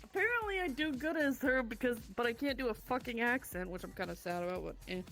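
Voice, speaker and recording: Bright punchy woman gaming chat, swears a lot, kinda high voice. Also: expressive, fast talker, soft background music. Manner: exasperated, swears freely. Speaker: roleplay streamer.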